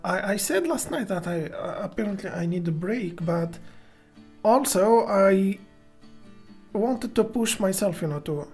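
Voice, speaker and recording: A woman's voice: mid-range voice, expressive, measured pace, a little mellow, faint music behind. A woman streaming chess, greeting viewers by name and thinking aloud about her moves with hesitant restarts. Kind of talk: live-streamed chess commentary.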